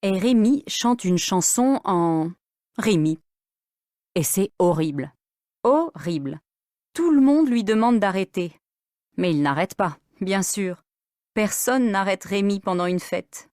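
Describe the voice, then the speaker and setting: A woman narrating a story for beginner language learners in a clear, expressive manner. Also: medium pitch, slow, no room sound, clean studio sound.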